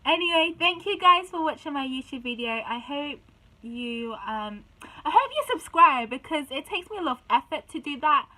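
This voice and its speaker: Bright-voiced young woman vlogger. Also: sits high, lively intonation, normal speed, rough recording. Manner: indignant, chatty storytelling with frequent restarts. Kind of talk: casual storytime chat.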